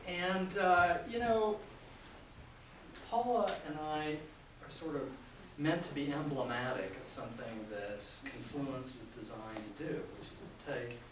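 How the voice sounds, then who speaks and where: A man's voice: a little high, measured pace, fairly bright tone. Man in his 60s lecturing in an echoey hall. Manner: chatty and self-deprecating, with many fillers. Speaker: professor giving a public lecture. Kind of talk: informal public lecture. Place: large lecture room with an audience. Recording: echoey hall, mic at a distance, audience noise.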